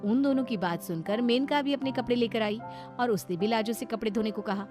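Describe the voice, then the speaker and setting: Woman narrating a cartoon story, bit high voice, faint music behind. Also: brisk.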